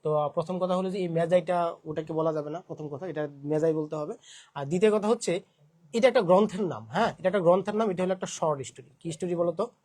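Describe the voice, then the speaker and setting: A man's voice: a little high, fast talker, a little mellow. A young man with a Bangladeshi Bengali accent teaching an admission-prep English lesson, asking questions and repeating his points.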